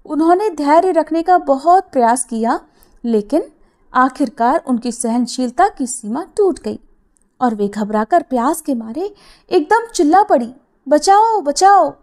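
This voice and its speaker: Woman storyteller, high voice, gentle expressive narration, devotional tale. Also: unhurried.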